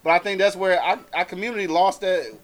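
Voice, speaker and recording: A man's voice: high voice, steady tone, fast talker. Laughing, profane man co-hosting. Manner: loose, profane, laughs often. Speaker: co-host. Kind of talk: casual radio show chat.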